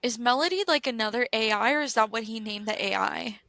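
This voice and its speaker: A young woman co-hosting a podcast in casual chat, animated and giggly, often trailing off mid-sentence. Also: on the high side, a little fast, gravelly, no room sound, low-quality recording. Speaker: podcast co-host.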